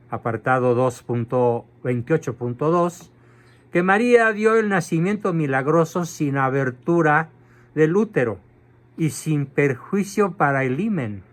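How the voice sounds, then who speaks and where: Male catechism lecturer, measured and forceful, drawn-out pace, voice a touch high. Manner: emphatic, slow and deliberate, spells out terms. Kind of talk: doctrinal lecture.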